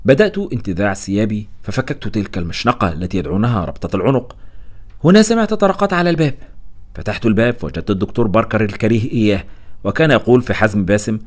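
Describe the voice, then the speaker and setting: Fast-paced male audiobook narrator, low-pitched and animated; wry storytelling delivery.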